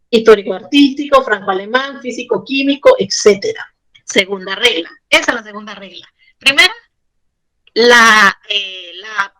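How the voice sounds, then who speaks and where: A woman's voice: a little high, sharp tone, rough recording. A woman teacher explaining spelling rules to her students, patient and repeating each point. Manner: patient, explains slowly with repetition and diminutives. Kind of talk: online Spanish grammar lesson.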